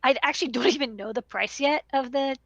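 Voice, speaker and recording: High-pitched and quick, an electronics shop owner in her thirties chats on a livestream through her headset, stressing points by repeating words. The sound is muffled, with no room ambience, from a small indoor space.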